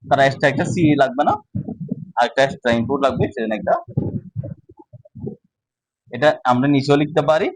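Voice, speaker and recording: A man's voice: mid-range voice, fairly quick, pauses often, dry recording, low-quality recording. Dry-voiced male teacher. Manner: explains step by step, often checking understanding. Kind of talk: casual whiteboard lesson.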